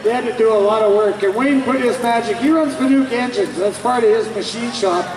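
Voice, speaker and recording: A man's voice: very high voice, a little fast. A man commentating live at a tractor pull, explaining the technical side in a conversational way. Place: outdoor tractor pull event. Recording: echoey distant PA over loud engine noise.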